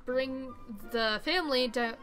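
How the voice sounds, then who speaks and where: A woman's voice: high voice, unhurried, a bit bright, soft background music. A young woman chatting casually as she plays a life-simulation game, rambling and reacting with surprise. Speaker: let's play host. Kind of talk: casual gameplay commentary.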